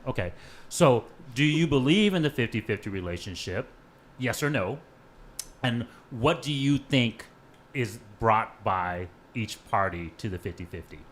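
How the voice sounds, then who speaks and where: A man's voice: medium pitch, animated, unhurried, a bit bright. A man hosting a casual panel podcast, asking his guests questions and often checking in with "right?" and "okay.". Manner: conversational, asks questions, frequent "right?" and "okay". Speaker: podcast host.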